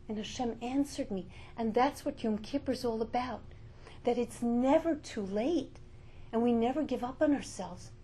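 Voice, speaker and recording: A middle-aged woman giving an inspirational Torah talk, passionate, rising to loud calls and falling to hushed, slow reflection. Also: a little high, breathy edge, low-quality recording. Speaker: religious speaker.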